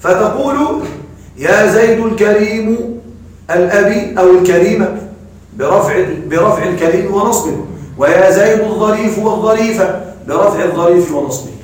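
A male grammar teacher giving a classroom lecture, quizzing his students and reciting verses slowly. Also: high-pitched, darkish tone. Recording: echoey room from a distance.

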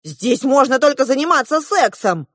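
A woman's voice: fairly high pitch, lively intonation, dry recording, studio quality, pitched above the performer's own voice. A woman reading an audiobook, voicing an earnest eleven-year-old girl who asks questions insistently. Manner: insistent, presses questions slowly.

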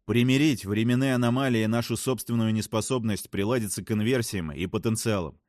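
A man narrating an audiobook in a calm, even reading voice. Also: lowish voice, fairly quick, no room sound, clean studio sound. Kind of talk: scripted narration.

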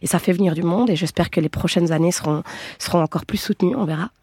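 A woman's voice: fairly low pitch, fast, a little mellow, breathy edge, no room sound. A woman comedian of Tunisian descent answering questions in a radio studio, speaking eagerly and sometimes searching for her words. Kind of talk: radio interview.

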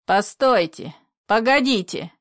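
A woman reading an old father, all loud fury and bitterness, his voice pushed high and hard. The reading is slow and dry, with no room around it. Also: expressive, dry recording. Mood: angry. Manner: furious shouting. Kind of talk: play reading.

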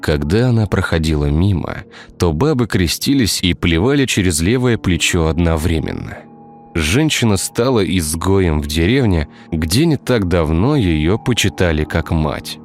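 A man narrating a dark village tale in a scripted storytelling style. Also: low voice, lively intonation, moderate pace. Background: faint music.

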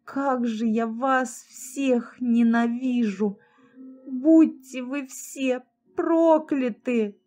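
A woman voicing a bitter, grieving young pregnant woman who shouts in fury and whispers in grief, in an audiobook reading. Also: high-pitched, very slow, faint music behind. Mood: screaming.

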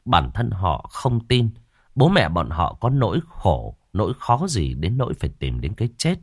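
A man's voice: low-pitched, no room sound, studio quality. Dramatic male horror storyteller. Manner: dramatic, expressive. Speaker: narrator.

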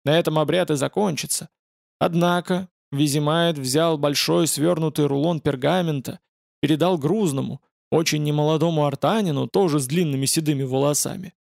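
Male narrator, gravelly and measured, dead-dry studio sound. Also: fairly high pitch, darkish tone, no echo. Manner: measured, dramatic reading. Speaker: audiobook narrator. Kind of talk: scripted narration.

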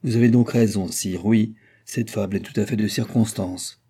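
A man reading aloud and voicing a sad, sharp-witted queen who speaks in a cool, pointed way. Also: fairly low pitch, fairly even intonation, moderate pace, husky.

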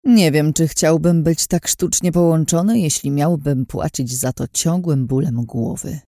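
A woman's voice: deep voice, measured pace, dark tone, dry recording, clean studio sound. A woman voicing a tactless, boorish male lord in an audiobook, blunt and offhand. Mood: needling.

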